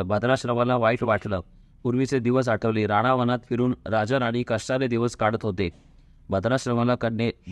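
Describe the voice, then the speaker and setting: A man narrating a devotional folk tale in a steady, measured storytelling voice. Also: mid-range voice, no echo.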